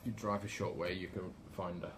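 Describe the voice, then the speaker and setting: Dry, low-voiced game master. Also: male voice, steady tone, a little fast. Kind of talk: casual narration and chat during tabletop game. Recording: noisy group recording.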